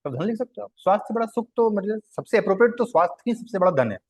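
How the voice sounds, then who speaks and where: High-voiced male Hindi teacher. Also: lively intonation, very fast, husky. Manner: explanatory, repeats words and spells them out; asks questions of students and answers them himself. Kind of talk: live Hindi lesson on translation.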